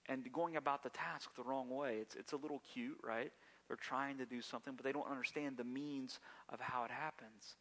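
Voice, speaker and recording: A man's voice: mid-range voice, a bit bright. A man preaching a sermon, acting out voices and sometimes dropping to a whisper, with self-corrections along the way. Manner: acts out voices, drops to a whisper at times. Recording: long hall reverb.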